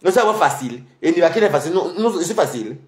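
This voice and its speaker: Young male streamer, mocking and combative, pitch swinging widely, echoey room. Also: animated. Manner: taunting, mocking, rapid-fire. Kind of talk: heated livestream rant.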